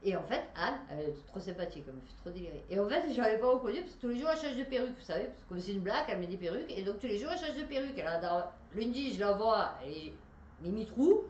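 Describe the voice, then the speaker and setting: A woman's voice: mid-range voice, very animated, racing, a little mellow, muffled recording. Woman rambling thru a story, lots of fillers, roomy echo, faint hiss behind. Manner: chatty and rambling, many fillers, laughs while talking. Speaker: vlogger telling a personal story. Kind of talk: casual storytelling.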